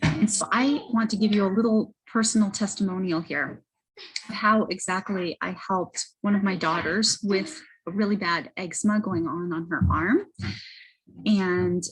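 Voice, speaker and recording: A woman giving a casual, halting product testimonial as a host, often correcting herself as she goes. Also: mid-range voice, breathy edge, rough recording. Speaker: host presenting wellness products. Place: library children's area. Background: children and banging in background.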